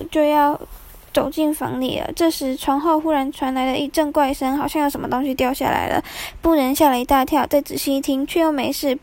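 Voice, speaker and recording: A woman storyteller narrating a folk tale in a vivid, expressive manner. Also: high voice, no room sound.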